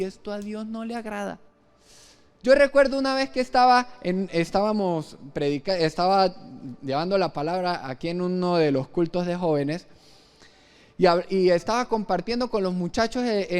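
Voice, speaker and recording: A man's voice: high-pitched, smooth. A male pastor from Venezuela preaching a live church sermon, earnest and storytelling, with frequent restarts. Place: church service.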